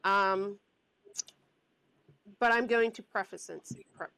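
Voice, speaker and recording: A woman's voice: mid-range voice, slow, creaky, pushed and bright, clear, resonant tone, dry recording, poor audio. A young woman hosting a casual podcast chat, giving frank advice and sometimes losing her train of thought. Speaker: podcast host.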